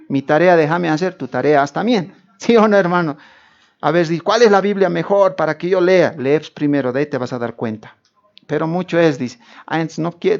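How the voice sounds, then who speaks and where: A man's voice: a little high, a little mellow. Joking conversational male preacher, lo-fi. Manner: conversational and joking, often addressing listeners as brother; asks rhetorical questions. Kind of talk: Bible teaching sermon.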